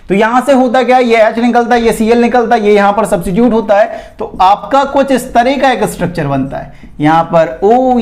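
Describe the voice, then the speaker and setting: A man's voice: high voice, a little mellow. Chatty male chemistry teacher. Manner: chatty, addresses students as "beta" and "bhai"; keeps repeating "theek hai" and "ye dhyan rakhen". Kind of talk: exam-prep lecture.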